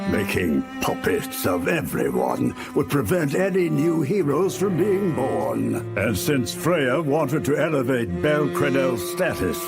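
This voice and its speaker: An actor playing a grave, scheming god in an anime dub, deliberate and portentous, with loud music underneath. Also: male voice, mid-range voice, creaky, heavily acted. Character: grave, scheming male god explaining his plan. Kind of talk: English anime dub acting.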